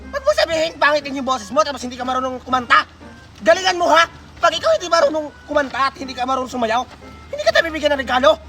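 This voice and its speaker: A woman playing a bossy, scolding older woman who hands out gifts, in a shouty comedy-skit style. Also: sits high, very animated, very fast, faint music behind, full character voice.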